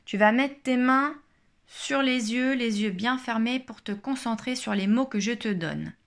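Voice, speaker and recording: A woman teaching a child a phonics listening game, saying each word twice and articulating every sound slowly and carefully. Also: fairly high pitch.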